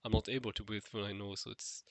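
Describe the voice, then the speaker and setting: A man on the low side of the pitch range talks fast in a level tone, with no echo. He's a vlogger with a stuffed-nose, nasal voice, musing unscripted and alone to the camera, hesitant and full of fillers and restarts.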